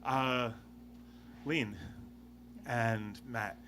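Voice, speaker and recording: A man hosting a live podcast, asking easygoing, halting questions and laughing along. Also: medium pitch, fairly even intonation, a bit bright, a little hiss or hum. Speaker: podcast host. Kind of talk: casual interview chat.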